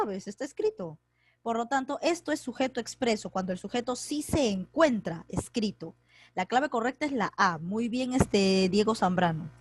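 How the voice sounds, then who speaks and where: Woman teacher on a video-call lesson, higher voice, dry, patient question-and-answer drilling. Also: no echo. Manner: calls on pupils by name, asks and answers her own questions. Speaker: secondary school teacher. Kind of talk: online class explaining grammar. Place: home, online class. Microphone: computer mic on a video call.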